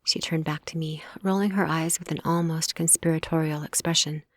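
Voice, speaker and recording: A woman narrating a first-person audiobook in a hushed, intimate way, often close to a whisper, on a close studio mic. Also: low voice, steady tone, a little fast, no room sound.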